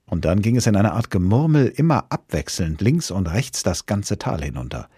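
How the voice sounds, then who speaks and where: A man narrating a children's storybook in an expressive, dramatic way. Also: on the low side, moderate pace, slightly rough, no echo, clean studio sound. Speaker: audiobook narrator.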